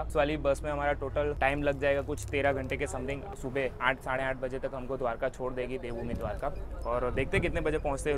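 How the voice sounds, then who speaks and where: A young man narrating a casual travel vlog from a moving bus at night, chatty and mixing English words into his talk. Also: mid-range voice. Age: young adult. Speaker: travel vlogger. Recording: bus and street noise behind. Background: engine and traffic noise.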